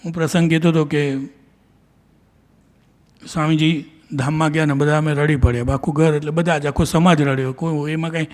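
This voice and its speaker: A man's voice: fairly high pitch, little pitch movement, fairly quick. Earnest man recounting memories. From India. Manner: earnest storytelling with quoted dialogue and frequent restarts. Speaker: devotee giving a talk. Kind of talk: personal spiritual testimony.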